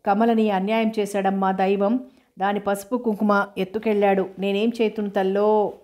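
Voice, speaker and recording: A woman's voice: medium pitch, flat delivery, moderate pace, a little mellow, natural voice. A woman reading a frantic, tearful mother. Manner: frantic, near tears. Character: anxious, tearful village mother.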